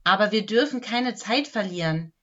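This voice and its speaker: A woman's voice: medium pitch, normal speed, a bit bright, muffled recording, natural voice. A woman voicing a helpful male Christmas elf in a storybook reading, friendly and explaining.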